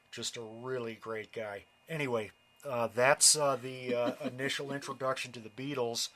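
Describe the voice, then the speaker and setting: Slow-spoken reflective man in his fifties. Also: medium pitch, a bit bright. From New York and Connecticut, USA. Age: 50s. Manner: slow, reflective storytelling with many uh fillers. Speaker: interviewee. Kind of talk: oral history interview.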